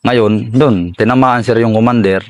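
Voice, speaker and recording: Halting soldier saying sir, dry sound. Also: male voice, mid-range voice, fairly even intonation, dry recording. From Philippines. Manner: deferential, says "sir" constantly, halting with fillers. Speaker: soldier recounting combat. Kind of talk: interview war story.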